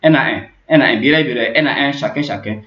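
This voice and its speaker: A man at a middle pitch teaches a language lesson, saying each example word again and again and checking in with "ok" between them. His voice sounds roomy and echoing, and the recording is muffled and lo-fi. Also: fast talker. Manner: repeats words over and over, many fillers and "ok". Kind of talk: repetitive spoken lesson. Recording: echoey lo-fi room recording.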